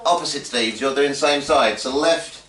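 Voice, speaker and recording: A man's voice: mid-range voice, moderate pace, a bit bright. A middle-aged man leading a home workout with his children, giving short exercise cues and teasing them playfully. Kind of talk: instructional coaching with his children. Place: home room with his daughters. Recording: roomy, distant home video with noise.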